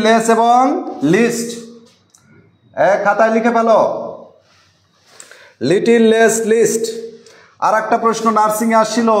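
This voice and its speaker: A man teaching English in a live online class, repeating word forms slowly so students can write them down. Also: high voice, echoey room.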